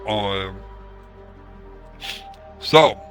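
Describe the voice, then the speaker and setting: A hoarse man ranting casually on a live stream through a headset mic, his voice run through a voice changer, irritated and swearing as he repeats himself. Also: fairly low pitch, expressive, drawn-out words, a bit bright, faint music behind. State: hoarse from screaming. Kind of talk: ranting livestream commentary.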